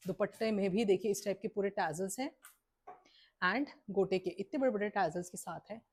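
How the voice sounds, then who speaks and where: A middle-aged woman presents garments in a lively sales pitch, switching freely between Hindi and English. Her voice sits at an ordinary pitch for a woman, and she urges viewers not to miss out. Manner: mixes Hindi and English, enthusiastic and persuasive. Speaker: boutique owner selling suits.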